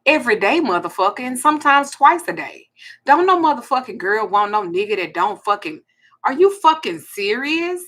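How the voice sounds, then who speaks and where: A woman's voice: a little high, big pitch swings, normal speed, fairly bright tone. A woman, hosting a blunt, profane ranting monologue. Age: 40s. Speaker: host.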